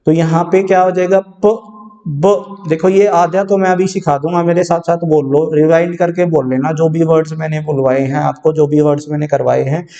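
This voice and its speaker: A man's voice: on the high side, flat delivery, a little fast, few pauses, dark tone. A male exam-prep English teacher giving a lecture, repeating sounds over and over and correcting pronunciation. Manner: repetitive drilling, modelling sounds and correcting pronunciation. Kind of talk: classroom lecture. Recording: distant, dull, long-reverb room.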